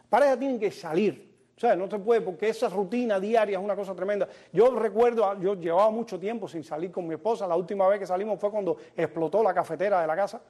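Hosting a show, a man delivers a jokey stand-up monologue aimed straight at the audience. His voice sits high with a darkish tone.

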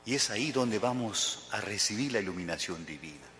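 Sacerdote con eco de catedral. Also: male voice, on the low side, animated, sharp tone. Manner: solemn, measured preaching. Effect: cathedral echo. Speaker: priest. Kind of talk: homily and prayers at mass. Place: large church. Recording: long church reverb, faint hum.

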